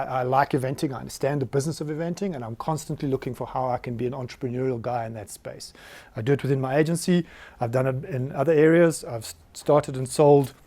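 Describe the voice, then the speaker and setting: A South African business founder in his late forties gives a live presentation to an audience in a meeting room. His voice is medium-pitched with a darkish tone, and he comes across as candid, self-mocking and full of energy.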